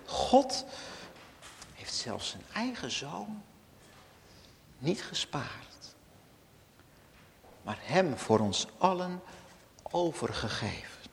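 Man, pastor, solemn sermon, high and lively pitch, long hall echo. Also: very slow, creaky, long pauses, slight background noise. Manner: solemn preaching with swelling emphasis and dropped whispers. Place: church hall. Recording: long church reverb.

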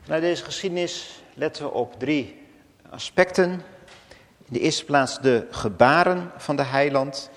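A man preaching, reading scripture slowly and solemnly with deliberate pauses. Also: a little high. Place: church. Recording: long church reverb.

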